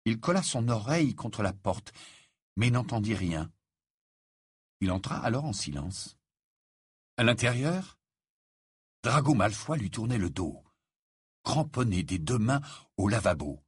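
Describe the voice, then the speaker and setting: A man reading an audiobook aloud in an expressive, dramatic way. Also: lowish voice, husky, dry recording, studio quality. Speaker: audiobook narrator. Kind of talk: scripted narration.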